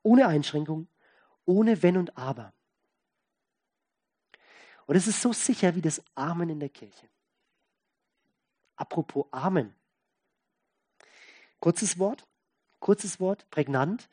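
A pastor delivers a sermon. The tone is folksy and conversational, with key words stressed and repeated, and the voice keeps moving between loud emphasis and soft asides. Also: mid-range voice, animated, slow pace, pauses often, breathy edge.

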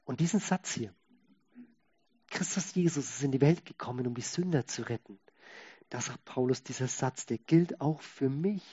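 A man delivers a sermon in a dark, slightly husky voice. He drops to quiet asides and then builds to loud, emphatic lines, acting out the voices he quotes. The recording sounds dull and lo-fi. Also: medium pitch, normal speed. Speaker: preacher.

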